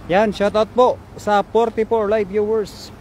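A man live-streaming a fishing trip from a riverbank on a phone, chatting and giving shoutouts to viewers. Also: high-pitched, little pitch movement, unhurried, slight background noise. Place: riverbank outdoors.

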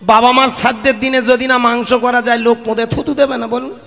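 A man's voice: extremely high pitch, flat delivery, brisk, bright, forceful tone. A man giving an impassioned devotional kirtan sermon to gathered devotees, addressing them as father and mother and breaking into sung chanting. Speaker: kirtan singer and preacher. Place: religious gathering stage, standing before devotees. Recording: long hall reverb over live PA with instruments.

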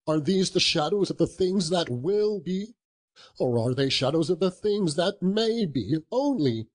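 A man's voice: medium pitch, unhurried, mellow, breathy edge, pitched above the performer's own voice. A man reading a storybook voices Scrooge, an old male miser, fearful and imploring. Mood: pleading. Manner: earnest, imploring.

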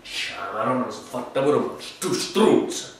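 A man playing a menacing, hot-tempered Camorra boss with a Neapolitan accent in an acted crime-drama monologue, swinging between muttering and shouting. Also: medium pitch, expressive, normal speed, close to an everyday voice. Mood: seething. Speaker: actor in an audition self-tape. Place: small bare room indoors. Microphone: camera mic at a distance. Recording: echoey room, distant mic, faint hiss.

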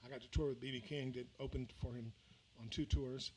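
An older Southern man, born in Mississippi and raised in Louisiana, chats casually between songs while performing a livestream at a small venue. His mid-range voice is steady, fairly quick and a little mellow, rambling along with plenty of fillers and restarts into a vocal mic on a stand. The audio is poor, with a little hiss or hum.

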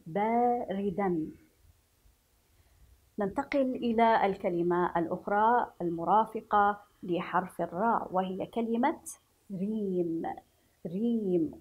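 A woman teacher giving a children's reading lesson, slowly drawing out words and praising her pupils. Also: medium pitch, darkish tone, husky, low-quality recording. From Yemen. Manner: slow drawn-out syllables, praising pupils.

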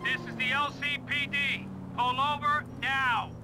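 A man as a high, gravelly police bullhorn voice. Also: little pitch movement, a little slow, sharp tone, slight background noise, exaggerated voice. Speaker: police officer ordering a stop.

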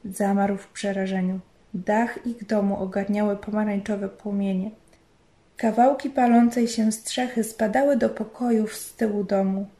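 Mellow woman narrating in a roomy space. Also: medium pitch, steady tone. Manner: measured, storytelling. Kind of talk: scripted narration. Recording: roomy echo.

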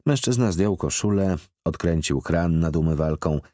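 A man narrating a literary audiobook in a measured, expressive reading. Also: sits low, no echo. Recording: dry close studio recording.

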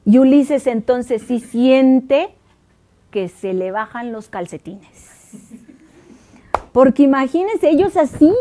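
A Mexican woman telling a children's story in an animated, dramatic way, speaking straight to her young listeners. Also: on the high side. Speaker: storyteller host.

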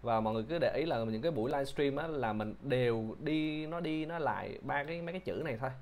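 A man teaching English pronunciation, who repeats each word slowly and patiently explains how to shape the mouth. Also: medium pitch, a little mellow. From Vietnam. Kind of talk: pronunciation lesson.

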